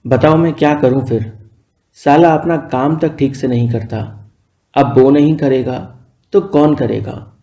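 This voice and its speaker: A man's voice: medium pitch, steady tone, a little slow, dark tone, natural voice. A man reading the lines of a strict, short-tempered middle-aged father in a storybook narration, with a blunt, scolding manner.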